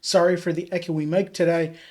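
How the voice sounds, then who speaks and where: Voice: medium pitch, flat delivery, fairly quick, darkish tone. A livestreamer chatting casually while crafting. The mic is off its stand, so the voice sounds echoey and roomy, with frequent "uh" fillers. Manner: easygoing and chatty, with many "uh" fillers. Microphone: desk mic moved off its stand for crafting. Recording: echoey room, mic set away from the speaker.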